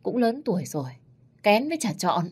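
A woman's voice: mid-range voice, big pitch swings, moderate pace, a little mellow, husky, pitched above the performer's own voice. A woman voicing a fussy, doting old grandmother who teases and nags her granddaughter in an audiobook story. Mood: nagging. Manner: scolding, teasing, affectionate.

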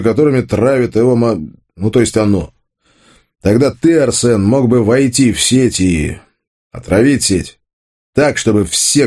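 A man reading an audiobook, voicing a hot-tempered young man who speaks gruffly and curtly. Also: medium pitch, darkish tone, voice pushed up, lightly acted. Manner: gruff, curt.

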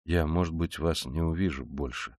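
Man playing a gloomy young man, sullen, curt, deep voice, dry sound. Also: normal speed, a little mellow, no echo, natural voice. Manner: sullen, low and abrupt. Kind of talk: audiobook character reading.

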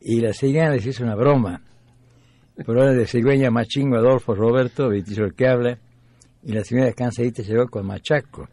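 An Argentine man in his nineties tells old family stories at an easy, pausing pace. His voice is warm and mellow, and the recording is close and dry. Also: medium pitch, steady tone, no echo. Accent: Argentine Spanish. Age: 90s. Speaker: interviewee, folk musician. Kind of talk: storytelling memories.

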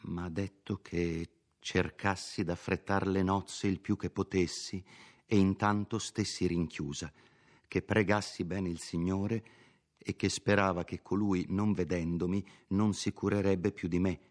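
A man reading a novel aloud, giving a timid, devout young village woman a gentle, pleading voice. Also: low voice, level tone, measured pace. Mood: anxious.

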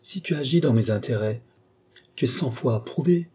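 A man's voice: mid-range voice, moderate pace, slightly rough. A man voicing a sly old marshal who teases and needles his nephew in an audiobook reading. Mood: sly, teasing. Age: older. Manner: sly, teasing, lively. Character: old sly mocking male marshal, uncle.

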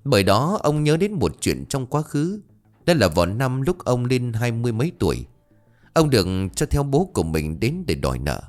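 A man narrating a ghost story in an expressive, dramatic way. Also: mid-range voice.

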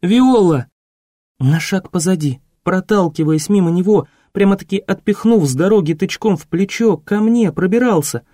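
A man narrating an audiobook in a measured, expressive reading. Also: sits high, no room sound, studio quality. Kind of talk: scripted narration.

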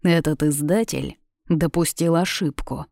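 Woman reading a calm, serious young man. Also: low-pitched, measured pace, creaky, no room sound, studio quality, heavily acted.

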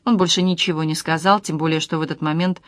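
An audiobook reader narrating a novel in a steady, even storytelling voice. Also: mid-range voice, quick pace, no echo.

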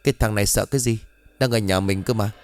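A gruff, worried middle-aged father in a spoken ghost story, as a male narrator voices him. He speaks low and brusque, dropping his pitch well below the narration. The sound is dry and close. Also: quick pace, dry recording, close to an everyday voice.

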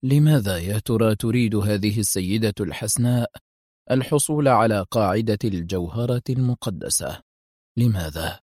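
A man voicing a calm, sly old male Buddhist high monk who speaks quietly and slowly with suspicion. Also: dry recording, studio quality, natural voice. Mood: quiet, wary.

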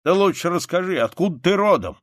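A man's voice: high voice, lively intonation, a little fast, dry recording, studio quality, voice pushed up. A man voicing a mocking, skeptical peasant who owns the hut, in an audiobook reading. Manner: mocking, sardonic.

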